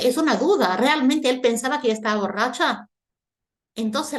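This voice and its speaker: Woman, high-pitched, torah lesson on a video call, storytelling with rhetorical questions.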